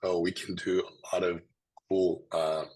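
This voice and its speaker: A man with a hoarse, swollen sore-throat voice, giving a halting scientific presentation. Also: low voice, little pitch movement, darkish tone, rough recording. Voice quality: hoarse, husky. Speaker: presenter, researcher.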